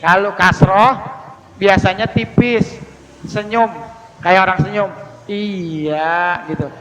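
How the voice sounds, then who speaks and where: A male Indonesian preacher teaching prayer recitation, drilling words slowly with strong stress on each sound. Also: high-pitched, steady tone, a bit bright, slight background noise. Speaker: Islamic preacher. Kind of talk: religious teaching talk. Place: mosque hall. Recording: long hall reverb.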